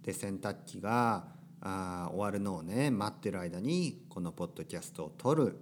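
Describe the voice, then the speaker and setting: A man's voice: deep voice, expressive, moderate pace, a little hiss or hum. A man in his thirties hosting a Japanese-learning podcast, talking unscripted and rambling off topic at home while the washing machine runs. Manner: rambling, drifts off topic, tags sentences with "ne". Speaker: podcast host teaching Japanese. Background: washing machine running.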